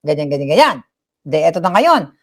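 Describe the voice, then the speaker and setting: A middle-aged Filipino woman living in the United States hosts a casual livestream, chatting animatedly in Tagalog mixed with English as she tells stories and acts out the voices she quotes. Her voice sits low, sing-song and fairly quick.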